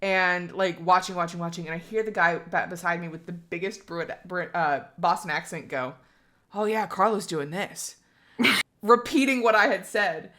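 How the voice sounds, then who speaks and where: A woman's voice: lowish voice, moderate pace, pushed and bright. A young woman co-hosting a casual podcast, telling stories in a chatty, easygoing way. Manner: chatty storyteller, laughs often. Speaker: podcast co-host. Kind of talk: casual chat.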